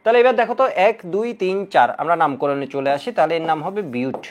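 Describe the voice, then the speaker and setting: Lively quizzing male chemistry teacher. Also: a little high, quick pace. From Bangladesh. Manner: lively, coaxing, asks students questions and answers them himself; repeats key rules in drilling chants. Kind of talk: exam-prep lecture.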